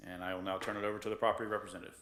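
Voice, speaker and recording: A man presenting a code violation case to a board, polite and halting, answering with ma'am. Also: deep voice, flat delivery, a bit bright. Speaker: code enforcement officer. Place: council chambers. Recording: echoey chamber.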